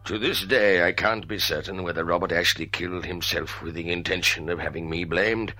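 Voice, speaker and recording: A man's voice: low-pitched, pushed and bright. An actor playing an embittered, tormented father in a radio drama, speaking and narrating with grave, dramatic intensity. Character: embittered, tormented father haunted by a blood feud.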